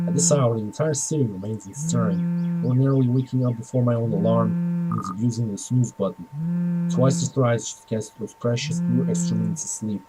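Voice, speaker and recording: A man narrating in first person as a tired young man, quiet, reflective and measured. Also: medium pitch, very noisy, close to an everyday voice.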